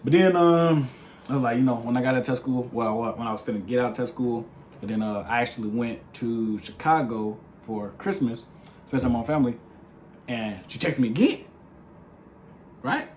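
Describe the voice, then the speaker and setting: A man's voice: medium pitch, normal speed, darkish tone. Young man, casual slangy storytelling, playful, faint background hiss. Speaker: vlog co-host.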